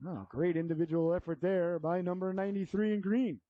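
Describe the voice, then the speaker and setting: A middle-aged man calling live hockey play-by-play as an announcer, folksy and excitable, with colourful slang. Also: high voice, a little fast, no room sound, phone-quality sound.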